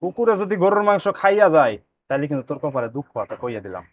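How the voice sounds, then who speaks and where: A man playing a quick-tempered, demanding village husband. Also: a little high, very animated, no room sound, muffled recording. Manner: blustering, demanding.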